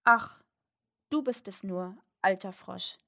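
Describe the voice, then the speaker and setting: A woman's voice: mid-range voice, slow, vocal fry, bright, forceful tone, heavily acted. A woman voicing a spoiled young fairy-tale princess, reading in a whiny, eager way. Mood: pleading. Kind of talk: storybook reading.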